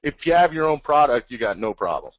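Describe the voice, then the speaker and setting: A man talks shop on a webinar in a loose, eager, rambling way. His voice sits at an ordinary pitch. The call audio is dry and dull, with no room sound. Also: big pitch swings, fairly quick, no echo. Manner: enthusiastic, rambling, plain-spoken. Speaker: webinar co-host. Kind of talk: casual webinar talk. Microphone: computer mic over an online call.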